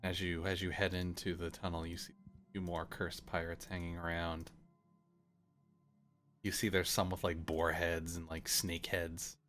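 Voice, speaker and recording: A man with a low voice and a bright, crisp edge narrates a tabletop game as game master. He talks loosely and casually, with plenty of fillers as he describes the scene. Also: level tone, measured pace, faint music behind.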